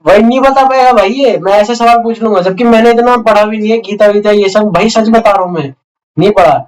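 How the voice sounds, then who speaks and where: A young man hosts a reaction video in casual, mocking commentary. His voice sits high and he talks fast, calling everyone "brother." He sounds a little distant from the mic. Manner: rapid, mocking, keeps saying "bhai".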